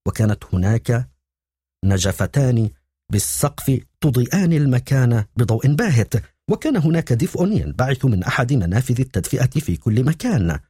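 Male audiobook narrator with a dark, husky tone. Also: medium pitch, very animated, fairly quick, no room sound, clean studio sound. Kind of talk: scripted narration.

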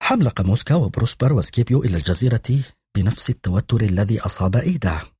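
A man reading a children's novel aloud as an audiobook narrator, in a measured storytelling manner. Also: on the low side, lively intonation, dark tone, slightly rough, no echo, studio quality. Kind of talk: scripted narration.

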